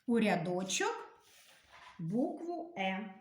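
A woman teacher giving a slow, careful literacy lesson to young children, clearly sounding out letters and syllables. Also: mid-range voice, sing-song. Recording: echoey room.

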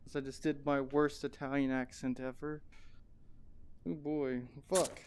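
A man's voice: mid-range voice, measured pace, slight background noise. A man giving casual, profane commentary to himself while playing a shooter game. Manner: profane, excitable, talks to himself.

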